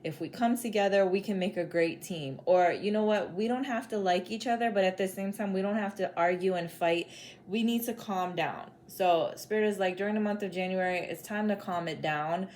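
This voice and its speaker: A woman's voice: mid-range voice, normal speed, darkish tone, a little hiss or hum. A woman doing a casual tarot reading as a psychic medium, chatty and blunt, circling back to the same advice and sometimes swearing. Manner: chatty, repetitive, peppered with "like" and "spirit is like".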